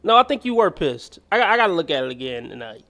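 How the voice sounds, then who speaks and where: Guy hosting a stream, rambly and slangy, kinda higher voice. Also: sing-song, quick pace, sharp tone. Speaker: livestream host. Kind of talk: casual chat reacting to chat and a clip.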